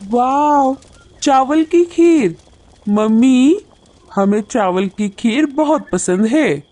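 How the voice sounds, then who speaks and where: A woman voicing a group of small bird chicks in a cartoon, with a high, childlike way of talking. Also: expressive, slow, warm tone. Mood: excited. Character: small excited bird chicks, hungry and eager.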